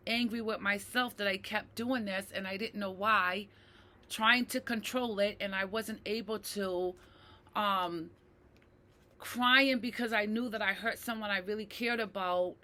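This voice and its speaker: Speaking personally to her viewers, this middle-aged mental health advocate has a mid-range voice with a sharp tone. Her emotional talk to camera is full of fillers and tag questions.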